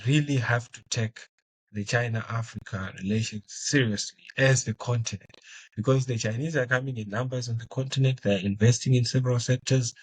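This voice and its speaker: Heard on a low-quality recording, a young guest from Zimbabwe who first spoke Shona responds thoughtfully to interview questions, often using fillers and restarting. His voice is mid-range and slightly rough.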